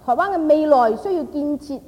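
A woman interprets a lecture phrase by phrase in a high, quick voice. She repeats each line briskly right after the speaker. The long reverb of a hall hangs around her voice. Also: animated, darkish tone. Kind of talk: consecutive interpretation.

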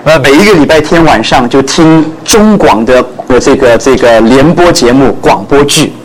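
An older man, a pastor, preaching through humorous personal stories and pausing for an interpreter. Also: medium pitch, lively intonation, a little hiss or hum, poor audio. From born in Guangdong, raised in Shanghai, later Taiwan.

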